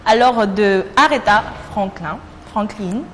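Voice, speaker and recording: A woman's voice: medium pitch, slow pace, a bit bright, slight background noise. A young woman from Congo hosting a casual TV chat show, talking in a playful, chatty way and laughing at herself. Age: young adult. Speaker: TV show host. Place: TV studio. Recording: long reverb, faint ambience.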